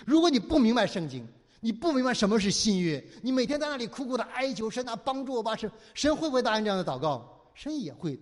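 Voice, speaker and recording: Male pastor, high and lively delivery, call-and-response sermon style, long hall reverb. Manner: preaching with constant rhetorical questions for the audience to answer; acts out whining, pleading prayers in a mocking voice.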